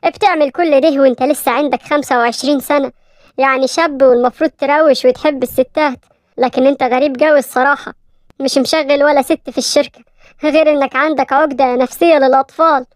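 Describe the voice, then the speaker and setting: Woman voicing a teasing young Egyptian man, calming, high voice, fast, cartoon story. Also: no echo, clean studio sound, natural voice. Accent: Egyptian Arabic. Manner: joking, calming. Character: teasing young male friend and partner.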